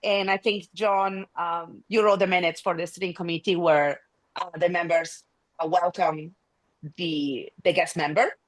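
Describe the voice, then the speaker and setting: Woman host, Spanish first language, chatty and halting, dry close call audio. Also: fairly low pitch, steady tone, no room sound, rough recording. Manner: hesitant, restarts often, friendly. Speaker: meeting host. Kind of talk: online meeting chat. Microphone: video call.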